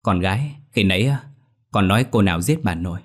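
A man's voice: sits low, lively intonation, fairly quick, breathy edge. A man voicing a polite, deferential young wife and mother in a ghost story, over faint music. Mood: gentle.

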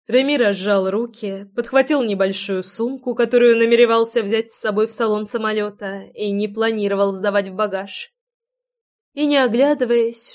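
A woman reading a first-person romance audiobook in an intimate, reflective way. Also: medium pitch. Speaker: audiobook narrator.

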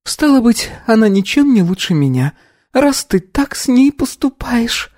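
A man's voice: very high voice, sing-song, unhurried, darkish tone, dry recording, studio quality, voice pushed up, exaggerated voice. A man voicing a smug, sardonic young woman in an audiobook, who mocks and needles. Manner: mocking, sardonic.

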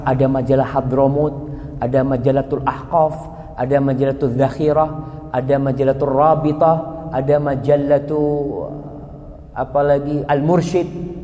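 A man preaching to a congregation, lively and full of rhetorical questions, his voice jumping high when excited. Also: normal speed. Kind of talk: Islamic lecture to a congregation. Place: lecture hall. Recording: long hall reverb.

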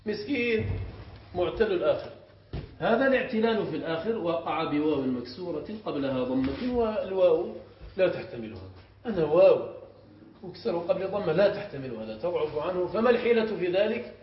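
Male sheikh teacher, high voice, quizzes his class as he explains, echoey room recording. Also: expressive. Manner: explains step by step and often checks the class with quick questions. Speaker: sheikh teaching Arabic morphology. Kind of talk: classroom lesson. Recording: echoey room, muffled sound, faint hiss.

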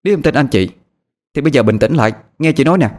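A man voicing a young woman who firmly calms a frightened friend in a ghost story. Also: medium pitch, quick pace, pitched above the performer's own voice, natural voice. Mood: firm coaxing. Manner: firm, coaxing, takes charge. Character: young woman, firm and caring older sister type.

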